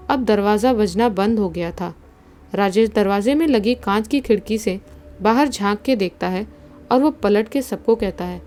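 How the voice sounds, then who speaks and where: A woman narrating a horror story in a steady, suspenseful storytelling manner. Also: medium pitch.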